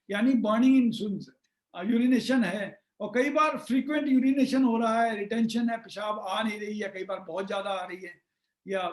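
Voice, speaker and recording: A man's voice: sits high, roomy sound. A man teaching acupressure, explaining points step by step and mixing English medical terms into his Hindi. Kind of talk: explanatory lesson.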